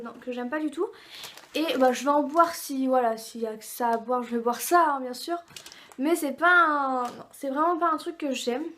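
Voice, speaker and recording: A woman's voice: sits high, a bit bright, a little hiss or hum. A woman vlogger chatting casually through a box unboxing, reading product labels aloud with many fillers.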